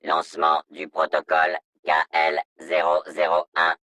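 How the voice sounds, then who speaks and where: Deep gravelly security robot with a robotic filter. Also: male voice, measured pace, no room sound, exaggerated voice. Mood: cold, commanding. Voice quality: flat monotone, announcement-like. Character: stern male security robot enforcing law. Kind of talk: video game dub dialogue lines.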